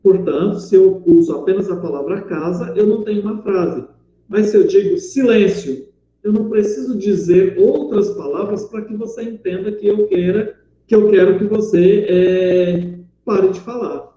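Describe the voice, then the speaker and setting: A man's voice: high voice, moderate pace, mellow. A man with a Brazilian Portuguese accent teaching a class, explaining patiently step by step with examples. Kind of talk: online class lecture. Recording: echoey, dull lo-fi room audio.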